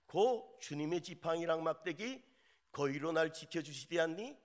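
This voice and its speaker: A man's voice: a little high, lively intonation, normal speed, pitched above the performer's own voice, lightly acted. A man voicing a folksy, plain-spoken northern countryman reciting a psalm in a Pyongan dialect, with a drawling, homespun delivery.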